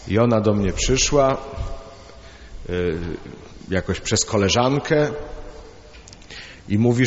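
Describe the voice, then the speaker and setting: Brief: male priest, homily, casual anecdotal delivery, mid pitch, long reverb. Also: darkish tone, a little hiss or hum. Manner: conversational, hesitant fillers, tells jokes. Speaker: priest preaching. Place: church. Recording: reverberant dull church sound.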